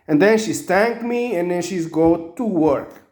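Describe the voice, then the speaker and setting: A man telling a personal story aloud in halting English with non-native grammar. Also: high voice, animated, a little mellow, reverberant.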